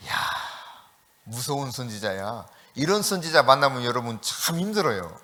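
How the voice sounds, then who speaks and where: Animated Korean pastor, bright voice. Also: male voice, mid-range voice, big-room sound. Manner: lively storytelling, acting out quoted voices. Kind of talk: sermon. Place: church sanctuary.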